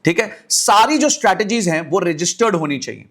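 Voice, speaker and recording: Indian man, middle-aged, finance YouTuber, energetic, very lively pitch, rapid delivery. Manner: energetic, direct address to viewers. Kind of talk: explainer video talk.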